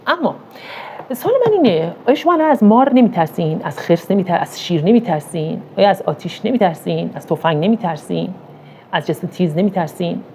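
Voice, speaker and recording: A woman's voice: fairly low pitch, vocal fry, darkish tone, slight background noise. A middle-aged woman from Iran giving a motivational talk on parenting, asking rhetorical questions and telling stories with emphasis.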